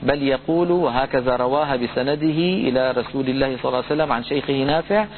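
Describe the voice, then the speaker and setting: A man giving a recitation lesson, explaining pronunciation rules in a calm lecture and chanting example words slowly. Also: medium pitch, slight background noise. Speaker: Quran recitation teacher. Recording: tinny phone-like lo-fi audio.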